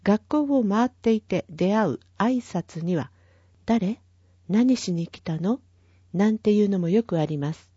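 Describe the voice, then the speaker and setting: A woman reads a town newsletter carefully and evenly, her medium-pitched voice mellow and breathy, expressive, at normal speed. Numbers and addresses come out one digit at a time, captured on a dull, dry, lo-fi recording without echo.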